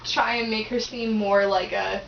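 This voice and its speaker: A woman's voice: medium pitch, fairly even intonation, moderate pace, creaky, slight background noise. A young woman student teacher, answering hesitantly and thinking aloud with many likes and ums. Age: young adult. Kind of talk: casual discussion. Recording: roomy distant lo-fi recording.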